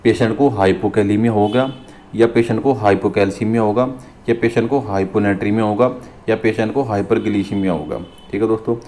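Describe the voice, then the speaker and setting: A man with a low, mellow voice works through nursing exam questions. He reads the English question slowly, then explains it in Hindi, repeating key terms and checking in with viewers as friends. A faint hiss sits under the recording. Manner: addresses viewers as friends, frequent "theek hai" check-ins.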